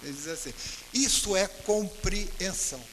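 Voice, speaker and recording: High-voiced Brazilian man lecturing in a hall. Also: a bit bright. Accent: Brazilian Portuguese. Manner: retells anecdotes, slows down to stress teachings. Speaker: lecturer at a spiritist center. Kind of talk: religious talk with storytelling. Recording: hall reverb with faint hiss.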